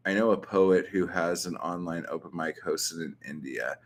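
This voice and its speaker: A young SoCal-accented host responds to viewer questions in his vlog, his voice low-pitched at normal speed. It's casual, rambling talk sprinkled with ums, likes and the odd swear.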